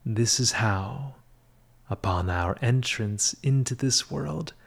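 Very slow, soft half-whispering male meditation guide. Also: medium pitch, animated, vocal fry. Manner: soothing, measured, with long pauses between short phrases.

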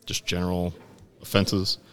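A man's voice: low voice, completely flat delivery, measured pace, a bit bright. A middle-aged man, an attorney, giving conversational answers as an interview guest.

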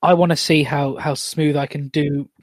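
A man's voice: a little high, flat delivery, normal speed, no echo, clean studio sound. A man hosting a podcast in casual chat, rambling and self-deprecating. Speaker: podcast host.

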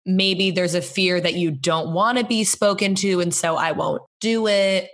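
In a relaxed interview, a young woman who works as a community organizer talks about her job with earnest thoughtfulness and ready laughter. She has a lowish, unhurried voice with fairly even intonation.

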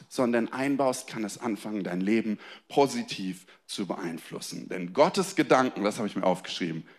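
A young man preaching a sermon to a congregation, shifting between soft, low emphasis and raised, excited lines, asking for amens and applause. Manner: addresses the congregation directly, calls for amen and applause. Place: church hall before a congregation.

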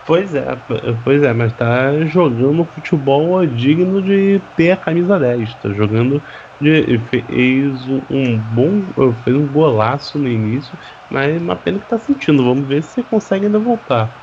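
A man giving blunt live radio football analysis, halting and repeating his words. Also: medium pitch, animated, a little mellow. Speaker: football pundit alongside the commentator. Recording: dull, lo-fi sound with faint noise.

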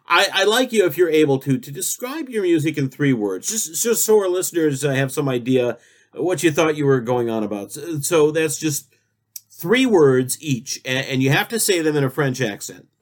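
A man hosting a comic talk show, rambling through absurd questions and deadpan jokes. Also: fairly high pitch.

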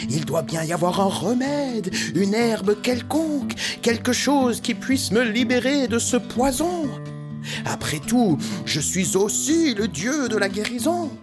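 A man's voice: animated, measured pace, over music. A man voicing a vain, boastful young male god who laughs and mocks in a haughty manner. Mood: lovestruck. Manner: haughty, mocking, booming laugh.

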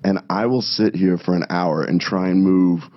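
Male podcast co-host, low husky voice, lively storyteller. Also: moderate pace. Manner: animated storyteller, acts out quotes. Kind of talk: casual chat. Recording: dull lo-fi sound.

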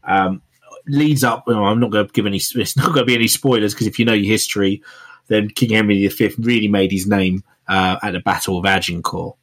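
A man's voice: fairly low pitch, fairly even intonation, fairly quick, fairly bright tone. Guy on a podcast, rambles through a film review, lots of ums and restarts. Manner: rambling, many fillers and restarts. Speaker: podcast co-host reviewing films. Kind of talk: casual chat.

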